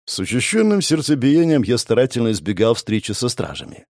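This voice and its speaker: Expressive male audiobook narrator. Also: mid-range voice, brisk, no room sound, clean studio sound. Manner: animated, expressive storytelling. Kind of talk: scripted first-person fantasy narration.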